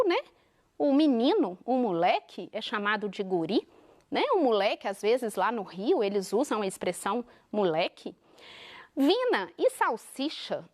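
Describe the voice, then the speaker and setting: A woman teacher from Minas Gerais with a Minas Gerais accent, explaining a televised lesson in an animated way and asking the class rhetorical questions. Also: high-pitched. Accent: Minas Gerais Brazilian Portuguese. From Minas Gerais, Brazil.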